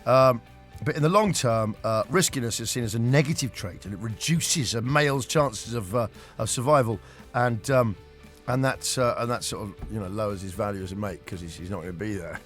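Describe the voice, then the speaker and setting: A man's voice: fairly low pitch, brisk, hardly any pauses, soft background music. A man hosting a radio show, joking and laughing in casual banter. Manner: jokey, playful, laughs a lot.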